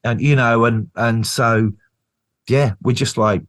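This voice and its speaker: In a mid-range voice and slow delivery, a middle-aged British man who's a band singer tells road stories as a guest in a casual interview. He speaks British English, narrates with animation, swears freely, and acts out people's quotes.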